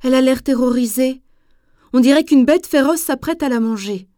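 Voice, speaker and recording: A woman's voice: high voice, normal speed, dark tone, no echo, clean studio sound, pitched above the performer's own voice, lightly acted. A woman voicing a timid young male lion who is fearful but turns brave, speaking in a pleading, worried way. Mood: determined. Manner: pleading, trembling worry.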